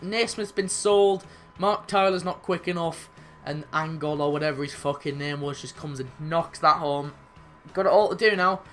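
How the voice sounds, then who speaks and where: A young man commentating his own football video game match, excitable and swearing, with sudden shouts when goals go in. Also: on the high side. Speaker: gaming YouTuber.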